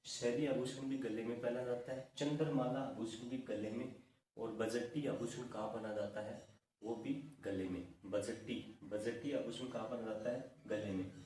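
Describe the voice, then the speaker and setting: A man's voice: medium pitch, steady tone, moderate pace, warm tone. Echoey man drilling a lesson. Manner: drilling lists, asking and answering his own questions. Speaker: teacher. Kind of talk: exam-prep lesson with memory tricks. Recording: echoey room, mic at a distance, faint noise.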